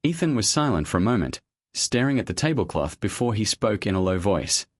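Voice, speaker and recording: A man narrates a scripted story with a lowish voice. His delivery is measured and even. The sound is close and dry, with no room echo.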